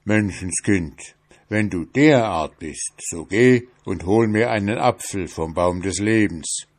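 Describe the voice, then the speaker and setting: A man reading a fairy tale aloud, voicing a stern male giant in a louder, commanding tone. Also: lowish voice, slow. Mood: demanding.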